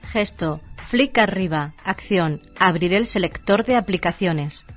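Over soft background music, a woman formally narrates a scripted instruction manual, reading it out in short labelled items. Her voice is lowish, animated and unhurried.

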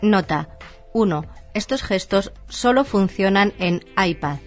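A woman's voice: medium pitch, lively intonation, takes it slowly, soft background music. A woman narrating a scripted instruction manual formally, reading it out in short labelled items.

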